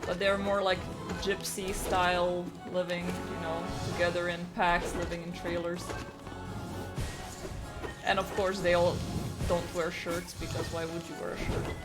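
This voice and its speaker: A man's voice: high-pitched, flat delivery, a little slow. A man co-hosting a live gaming stream, chatting casually in a rambling, hesitant, wry way. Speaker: co-host. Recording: game music loud behind. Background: loud video game music.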